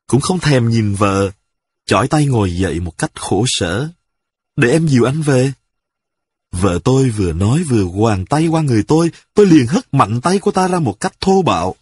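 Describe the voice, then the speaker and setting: A man reading a comic story aloud in the first person, in an expressive storytelling style. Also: mid-range voice, slightly rough. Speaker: narrator.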